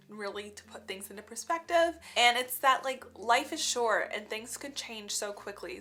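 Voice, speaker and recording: A young female vlogger talks in a casual, reflective way, her voice stuffy and blocked from a cold. She's earnest and chatty, scattering "like" throughout, and her tone is bright, forceful, and on the high side.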